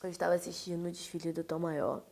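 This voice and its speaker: A woman hosting a casual chat, telling animated stories. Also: fast, creaky. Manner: animated storyteller, mimics people with loud high voices. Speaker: host.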